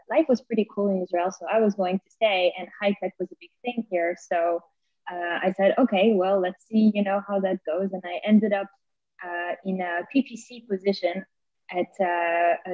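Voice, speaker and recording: A woman's voice: medium pitch, no echo. Upbeat Swiss woman on a tinny call. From Switzerland. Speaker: panelist. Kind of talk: self-introduction on a panel. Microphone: video call. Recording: dry tinny call audio.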